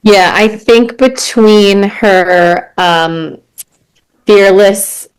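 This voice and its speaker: A woman's voice: medium pitch, drawn-out words, smooth. A woman in her thirties from New Jersey, a mom, teacher and coach, talking in a friendly, thoughtful way as an interview guest. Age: 30s. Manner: friendly, thoughtful, uses fillers. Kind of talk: casual interview.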